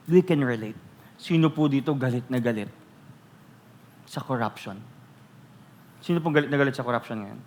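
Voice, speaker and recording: A Filipino man preaching a sermon as pastor, teasing the congregation with rhetorical questions and loudly acting out quoted voices. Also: medium pitch. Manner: switches between Tagalog and English, acts out quoted voices loudly.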